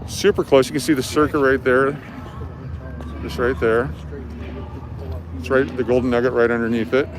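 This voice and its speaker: Long pauses break up the speech of this tour guide, whose mid-range voice stays level at a normal speed. Streaming live from city streets at night amid traffic noise, he explains things informally and casually.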